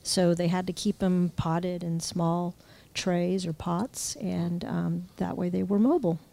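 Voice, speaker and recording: A woman's voice: fairly low pitch, steady tone, unhurried, creaky, mellow. A woman being interviewed as a bonsai expert, answering hesitantly with many fillers.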